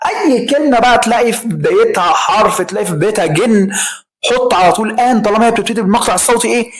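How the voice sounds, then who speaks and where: A man speaking with an Egyptian Arabic accent teaches an English grammar lesson. He talks emphatically, fires off rhetorical questions and stretches his example words out slowly. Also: high-pitched, low-quality recording.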